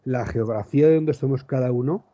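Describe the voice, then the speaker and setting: A man's voice: mid-range voice, fairly quick, mellow. A man with an accent from Spain chatting casually as a podcast co-host, hesitant and repeating words for emphasis. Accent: Spanish from Spain. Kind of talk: casual chat. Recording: slightly muffled sound.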